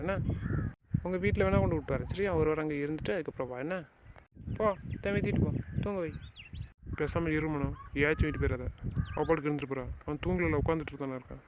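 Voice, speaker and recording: A man's voice: fairly high pitch, muffled recording, close to an everyday voice. A man playing a domineering village family head. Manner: scolding, lecturing, rhetorical questions. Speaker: stern family elder. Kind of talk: village family drama acting. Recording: outdoor noise, rural background.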